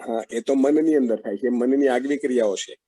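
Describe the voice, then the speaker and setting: A man's voice: mid-range voice, mellow, breathy edge, dry recording. A man leading an interactive online teaching session over a video call, asking the group questions and affirming their answers. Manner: slow, questioning, frequent affirming murmurs. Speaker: workshop facilitator.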